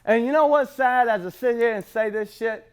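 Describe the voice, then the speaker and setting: A man's voice: extremely high pitch, moderate pace, clean tone. A man giving an unscripted, profane personal share at a recovery meeting. He talks emphatically, repeats and restarts himself, and laughs between points. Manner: rambling with restarts and repetition. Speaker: speaker sharing at a recovery meeting.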